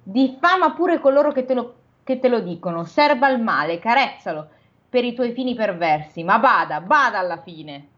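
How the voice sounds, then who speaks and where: A woman's voice: fairly high pitch, animated, moderate pace, fairly bright tone. A woman reading a solemn, aging spirit. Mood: stern. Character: aging melancholy male Christmas spirit, solemn. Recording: dull lo-fi sound.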